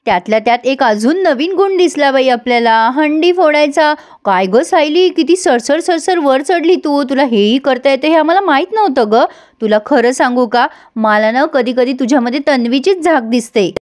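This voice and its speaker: A woman's voice: high voice, lively intonation, normal speed, few pauses, a little mellow. A woman reading the lines of an affectionate, firm middle-aged mother-in-law from a TV serial, in a lightly acted retelling. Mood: fond. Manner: affectionate, turns stern.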